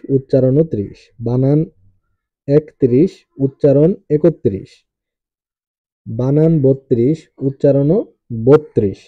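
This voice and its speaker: A man teaching, reciting a spelling and pronunciation drill in a steady, repetitive way, saying each number twice. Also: medium pitch, dry recording. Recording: tinny phone-like, dry sound.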